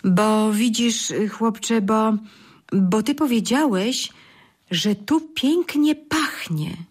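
A woman's voice: on the low side, huge pitch swings, drawn-out words, a bit bright, full character voice. Woman voicing a caring old elf cook. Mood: concerned. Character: kindly elderly male head cook elf. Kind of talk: storybook reading.

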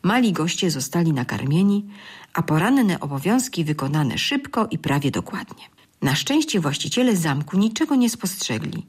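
A woman reading a children's story aloud in a calm, measured way. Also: lowish voice, breathy edge. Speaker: narrator. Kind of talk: scripted storybook narration.

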